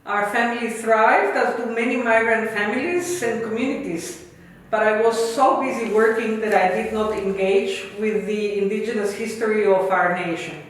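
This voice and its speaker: A Guatemalan woman in her fifties, speaking with a Guatemalan Spanish accent, earnestly tells a prepared personal story in formal phrasing as an interview guest. Her voice is a little high and her speed normal, and the room sounds echoey.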